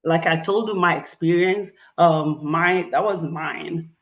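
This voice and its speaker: Her pitch fairly low and her delivery a little slow, a middle-aged Nigerian woman lectures on her research at a community gathering. As a professor, she leans on vivid anecdotes and frequent filler words.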